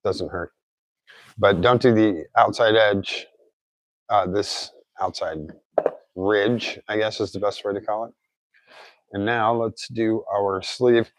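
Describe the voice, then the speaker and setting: Guy talking thru a diy car fix, kinda low voice, words a bit off like his mouth is healing, dry sound. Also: fairly even intonation, slow pace, long pauses, dry recording. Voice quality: slightly off articulation after recent oral surgery. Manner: informal, thinking aloud while working. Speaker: DIY car repair presenter. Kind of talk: casual hands-on tutorial narration.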